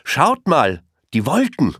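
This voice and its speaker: A cheerful, curious storybook elephant, as a man puts him on, lifting his voice brightly to call others over. Friendly and eager, with a lively sing-song lilt. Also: mid-range voice, slow pace, no echo, clean studio sound, voice pushed up, full character voice.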